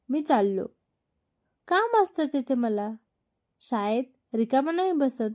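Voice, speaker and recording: A woman's voice: on the high side, warm tone. A woman voicing a young husband in a read-aloud story, pleading and petulant.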